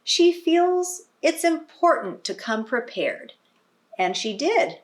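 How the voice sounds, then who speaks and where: With a high voice that swings widely in pitch, this woman reads slowly from a picture book to young children. She handles it teacher-style, adding explanations and asking questions to draw them in as she tells the story expressively.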